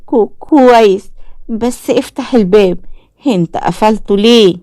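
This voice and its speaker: A woman with an Egyptian accent voicing a frightened young boy, speaking in a high, trembling, pleading voice. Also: moderate pace, a little mellow, clean tone, no room sound, clean studio sound, natural voice. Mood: fearful. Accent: Egyptian Arabic.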